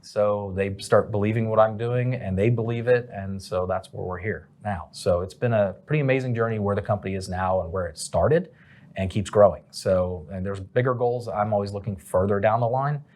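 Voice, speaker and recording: A man's voice: lowish voice, moderate pace, darkish tone. A man, a company president, answering interview questions in a casual, rambling way with many fillers.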